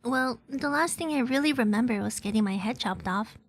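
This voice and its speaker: A woman reading a high, wistful young heroine. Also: fairly quick.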